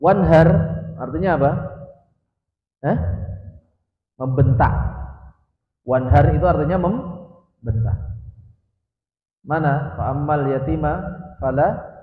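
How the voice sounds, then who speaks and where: A high-pitched man delivers a mosque lecture in a question-and-answer rhythm. He poses questions to his listeners and answers them himself, with a joke now and then. The sound is dull and rings with long hall echo. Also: slow, pauses often. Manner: mixes in Javanese words and light jokes. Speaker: ustadz teaching tafsir.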